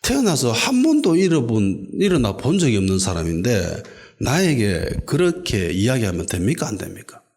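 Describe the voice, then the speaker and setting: A pastor preaches, his pitch rising and falling in a lively sweep. He throws rhetorical questions at the congregation and then drops to quiet asides. His voice sits in an ordinary middle register for a man. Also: normal speed. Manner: rhetorical questions, dramatic shifts between loud and soft. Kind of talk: sermon. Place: church sanctuary.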